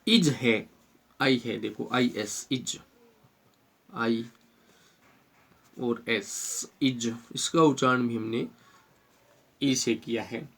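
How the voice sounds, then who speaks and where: Speaking at a medium pitch with a gravelly texture and fairly even intonation, a man with an Indian accent slowly explains a spelling rule to a class. He repeats the words and spells them letter by letter.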